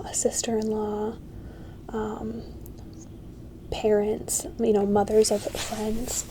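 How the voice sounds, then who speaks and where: Female, whispered ASMR pep talk. Reassuring, halting delivery, mellow and fairly even, faint noise behind. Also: mid-range voice, creaky, rough recording. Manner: whispered, soft-spoken and halting; reassuring, encouraging. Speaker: ASMR creator.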